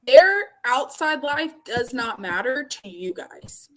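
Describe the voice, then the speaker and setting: A woman co-hosting a casual podcast chat over an online call, giggly, blunt and excitable. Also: high voice, takes it slowly. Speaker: podcast co-host.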